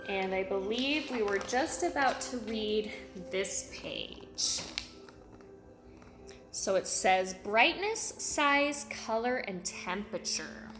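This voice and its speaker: A woman with a medium-pitched voice reads aloud to young children as a preschool teacher, encouraging them with simple repeated phrases and questions. The room sounds echoey.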